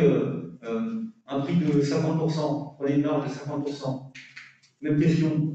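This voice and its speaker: A man's voice: on the high side, warm tone, slight background noise. A man lecturing through a face mask, explaining calculations step by step, correcting himself and checking with questions. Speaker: university lecturer. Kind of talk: statistics lecture with worked calculations. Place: lecture room with students. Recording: muffled, very echoey lecture room, distant mic.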